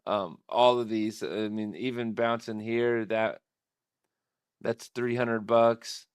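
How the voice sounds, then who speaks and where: A man's voice: lowish voice, steady tone, takes it slowly, smooth, dry recording, clean studio sound. A man hosting a live trading stream, thinking aloud at his computer in a casual, rambling way.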